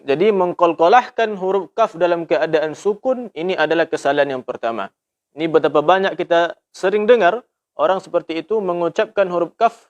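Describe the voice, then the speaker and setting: Ustadz type, indonesian man, slightly high voice, patient recitation teacher, dull lo-fi audio. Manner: patient, repeats syllables slowly as examples. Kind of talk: tajwid lesson with drawn-out demonstrations.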